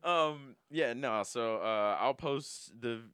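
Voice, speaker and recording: A man's voice: medium pitch, takes it slowly, crowd noise. A young man from Alabama co-hosting a podcast, chatting casually in a laid-back, joking way and swearing freely. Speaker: podcast co-host. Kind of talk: casual banter.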